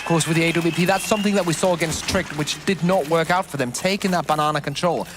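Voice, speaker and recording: A man's voice: on the high side, fast, noisy background. A man working as an esports caster, giving live match commentary and recapping each round.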